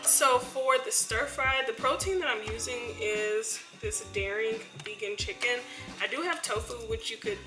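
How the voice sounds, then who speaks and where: Young woman, 20s, casual cooking-vlog chatter in a home kitchen, mid pitch, music bed and pan sizzle behind. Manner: chatty, addresses viewers as y'all. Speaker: cooking vlogger. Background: music and frying sizzle.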